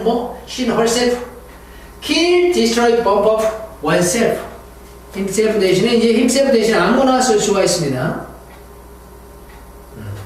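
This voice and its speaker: A man leads an English vocabulary drill, stretching each word out slowly so listeners can repeat it. His voice sits high for a man. It rings in a very echoey room, picked up from a distance with faint hiss. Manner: slow, drawn-out English words, quick Korean asides. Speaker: English teacher. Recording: very echoey room, heard from afar.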